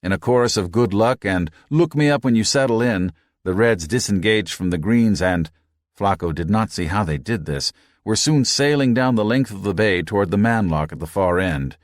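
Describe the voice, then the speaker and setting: A man reading an audiobook in a measured, even narration. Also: fairly low pitch, dry recording, clean studio sound. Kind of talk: scripted narration.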